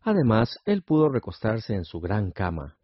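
Male storyteller, low husky voice, dry close sound. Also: no room sound. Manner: measured, expressive reading. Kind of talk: scripted story narration. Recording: dull lo-fi radio recording.

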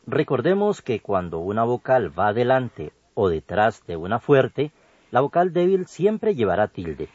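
A man co-hosting an educational radio program, reading a grammar lesson slowly and deliberately. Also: very animated, darkish tone, no echo. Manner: slow, deliberate, with wide swings in pitch. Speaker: co-host of a language program. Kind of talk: scripted educational radio narration. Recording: dull lo-fi broadcast audio.

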